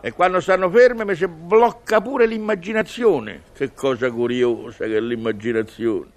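A man's voice: a little high, moderate pace. A man with a Roman accent delivering a humorous, musing monologue in colloquial dialect, conversational and wry. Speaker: comic monologist.

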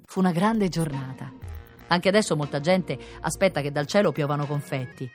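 A woman's voice: deep voice, normal speed, a little mellow, faint music behind. A woman reading children's stories aloud on radio, playful and sing-song. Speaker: storyteller.

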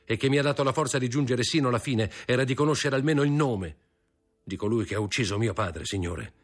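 A man's voice: on the low side, expressive, fairly quick. A man voicing a desperate young nobleman who pleads and begs in an impassioned voice, in an audiobook reading of a novel.

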